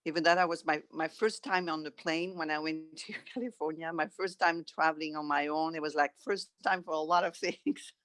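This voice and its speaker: A middle-aged French woman with a French accent reflects conversationally as an interview guest, speaking in halting, thoughtful phrases. Her voice is low-pitched and a bit bright, with fairly even intonation.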